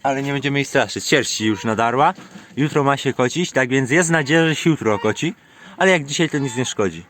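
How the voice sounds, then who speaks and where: A man's voice: mid-range voice, a little fast, a bit bright. A man filming his farmyard outdoors while feeding the animals, chatting casually and scolding and coaxing them. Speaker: farm vlogger.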